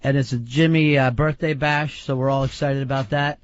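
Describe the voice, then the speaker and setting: A man's voice: mid-range voice, fairly even intonation, brisk. A man hosting radio, chatting casually into a studio microphone. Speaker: radio host. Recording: dry, dull lo-fi radio audio.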